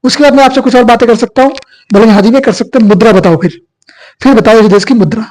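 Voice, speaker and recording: A man's voice: extremely high pitch, fast talker, a little mellow, rough recording. A male teacher giving an exam coaching lecture, asking questions and answering them himself. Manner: repetitive call-and-response questioning.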